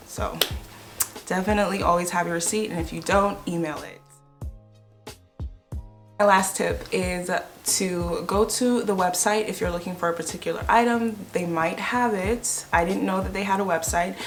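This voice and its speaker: A young woman chatting casually to her viewers about home decor finds, enthusiastic and informal. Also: on the low side. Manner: chatty, enthusiastic, addresses viewers as "you guys". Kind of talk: casual vlog chat.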